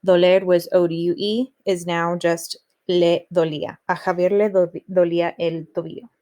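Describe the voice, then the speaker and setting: A woman's voice: fairly low pitch, level tone, moderate pace, mellow. A woman teaching a recorded lesson on Spanish grammar, explaining rules steadily and reading example sentences aloud.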